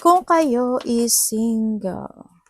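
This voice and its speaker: A woman from the Philippines giving a casual tarot reading, chatty and laughing often, her voice a little hoarse. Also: fairly high pitch, lively intonation, drawn-out words. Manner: chatty, mixes Tagalog and English, laughs often. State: slightly hoarse voice. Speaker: tarot reader.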